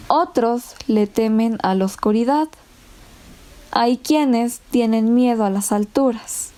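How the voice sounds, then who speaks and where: Slow, mellow-voiced woman. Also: a little high. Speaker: Sunday school teacher. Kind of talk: children's Bible lesson.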